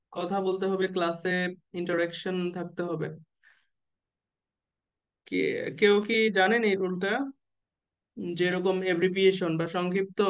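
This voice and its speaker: A man tutoring nursing exam candidates in an online class, who keeps asking the students questions and slowly spells out letters and abbreviations. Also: high voice, fairly bright tone, lo-fi sound. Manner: asks the class questions and waits for answers.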